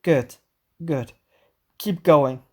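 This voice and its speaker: A woman voicing a calm male friend in a game, speaking slowly and reassuringly. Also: sits low, heavily acted. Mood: soothing. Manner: slow, reassuring.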